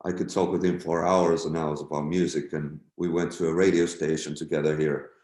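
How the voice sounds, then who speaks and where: A man's voice: very deep voice, flat delivery, fairly quick, darkish tone. A middle-aged man and guest musician, laid-back and swearing freely as he tells stories and acts out quotes. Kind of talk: casual interview storytelling. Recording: roomy echo.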